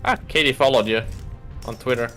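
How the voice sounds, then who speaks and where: A man's voice: medium pitch, a little fast, pushed and bright, soft background music. A man who is not a native English speaker, chatting casually during a game stream, explaining at length and stopping to search for words. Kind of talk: casual chat while gaming.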